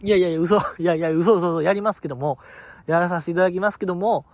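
A man's voice: high-pitched, racing, dry recording. A man hosting a podcast alone, chatting casually in a rambling, self-mocking and sleepy way. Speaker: podcast host. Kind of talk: casual solo podcast chat.

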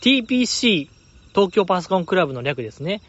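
Lively Kansai man chatting on a podcast. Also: high-pitched, fast. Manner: lively, playful commentary with frequent laughs. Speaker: podcast host reading listener mail. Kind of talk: casual chat. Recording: dull lo-fi, dry.

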